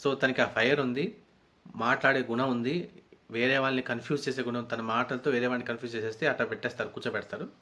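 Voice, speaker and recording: Male reviewer, mid-pitched voice, loose chatty recap style, lots of restarts. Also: fairly even intonation, fast talker, sharp tone. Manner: rambling, conversational retelling with frequent restarts. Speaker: reality show reviewer. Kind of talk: casual episode recap.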